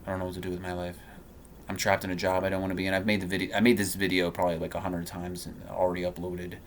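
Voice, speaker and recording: Thirties male vlogger, lowish voice, halting rambling delivery, faint background hiss. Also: completely flat delivery. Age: 30s. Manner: halting and rambling, full of fillers and restarts. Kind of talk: personal vlog monologue.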